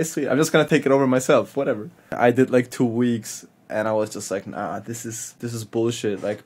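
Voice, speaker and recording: A man from Hamburg speaks, a chef in his thirties recounting his travels on a podcast. He talks in loose, slangy bursts, laughs through his stories, and swears without a second thought. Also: mid-range voice. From Hamburg, Germany. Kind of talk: casual storytelling.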